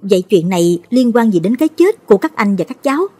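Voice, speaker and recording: A woman's voice: medium pitch, big pitch swings, fast, mellow, breathy edge. A woman doing an anxious questioning young woman. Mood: puzzled. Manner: questioning, urgent.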